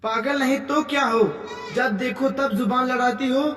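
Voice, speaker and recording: A woman's voice: high voice, fairly even intonation, lightly acted. A voice actor doing an old scolding mother-in-law. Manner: scolding, slow-spoken. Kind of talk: cartoon comedy skit. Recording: echoey, distant, loud music behind.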